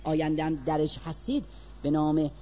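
A man giving a religious lecture, telling a story with animated delivery that moves between slow, stressed phrases and quick asides. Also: a little high, highs cut off.

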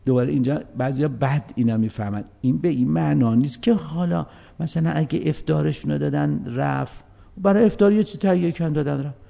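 A man giving a colloquial religious lecture, moving between hushed asides and emphatic, raised passages, on a dull lo-fi recording. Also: fairly high pitch, creaky.

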